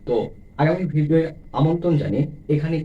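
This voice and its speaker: A man teaching English pronunciation in a video lesson, explaining step by step and slowly stretching out example words. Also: a little high, narrow, tinny audio. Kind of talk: classroom-style video lesson.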